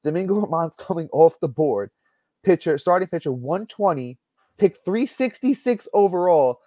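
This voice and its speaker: A man's voice: a little high, expressive, normal speed, warm tone, dry recording. A man hosting a casual sports podcast from home over a call, chatty and heavy on stats, full of fillers and restarts. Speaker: podcast host.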